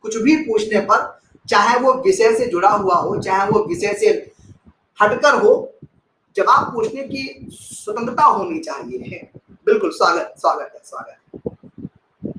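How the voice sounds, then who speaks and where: A man teaches a live online class in a bright, high voice, stressing his points and repeating them. He stops to thank viewers from the chat by name. The sound is roomy and echoey, with a faint hiss behind. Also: measured pace.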